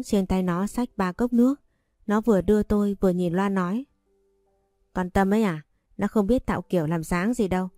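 A woman reads a first-person romance story in a warm, mellow voice. Her delivery is even and unhurried, recorded dry and close. Faint music plays underneath. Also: mid-range voice, dry recording.

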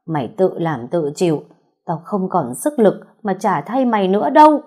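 A woman voicing an elderly grandmother, worn out and bitter, with a hoarse, husky voice, reading a story aloud. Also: lowish voice, unhurried, darkish tone. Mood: bitter scolding. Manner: scolding and lamenting. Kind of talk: audiobook storytelling.

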